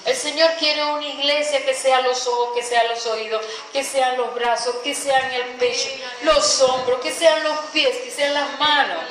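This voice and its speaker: A woman pastor preaching a sermon in a lively, repetitive way, asking her listeners questions. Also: high voice, unhurried, few pauses. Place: large echoey church hall. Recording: very echoey hall with faint background noise.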